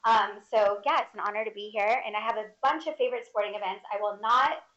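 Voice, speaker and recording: A woman's voice: medium pitch, fast, a bit bright. A woman introducing herself on a conference panel as a sports council director, upbeat and chatty, a little short of breath. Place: conference room. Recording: dull lo-fi room audio.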